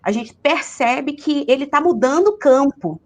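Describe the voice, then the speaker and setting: Woman hosting a live chat over a video call. Her voice is a bit high, and she hesitates a lot with tag questions. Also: animated, a little slow. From Rio de Janeiro, Brazil. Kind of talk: casual live-stream chat.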